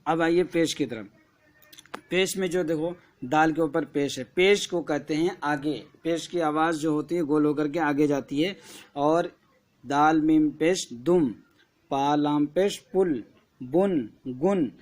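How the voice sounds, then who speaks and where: A man teaching an alphabet lesson to children, with a Kashmiri Urdu accent, spelling each word slowly letter by letter. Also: a little high. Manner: slow syllable-by-syllable spelling drills.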